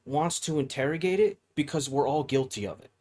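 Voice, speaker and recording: A man co-hosting a podcast in casual chat, opinionated and animated with quick asides. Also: fairly high pitch. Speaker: podcast co-host.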